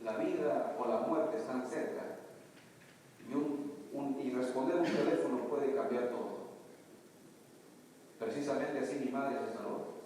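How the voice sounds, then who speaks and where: A man preaching a sermon as pastor, telling stories and building to loud, emphatic passages. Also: medium pitch, measured pace, long pauses, slight background noise. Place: church. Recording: echoey church hall, mic far off.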